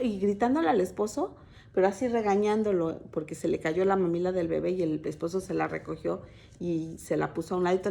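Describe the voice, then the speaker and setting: A women's Bible teacher at church gives an informal sermon to a women's group, her low-leaning voice warm and touched with vocal fry. She speaks hesitantly, full of fillers and restarts, telling stories conversationally and calling her listeners sisters in faith.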